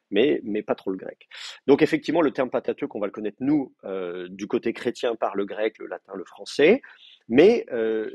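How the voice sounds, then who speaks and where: A man's voice: on the low side, a little mellow, slightly rough, dry recording, dull audio. A man lecturing to a class, explaining terms patiently and thinking aloud with frequent hesitations. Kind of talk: university lecture.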